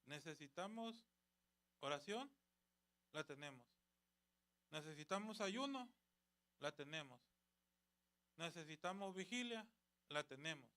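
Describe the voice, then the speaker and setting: A man's voice: a little high, lively intonation, measured pace, pauses often, bright, forceful tone. A man preaching at a church youth service, exhorting with rhetorical questions and retelling conversations. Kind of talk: sermon.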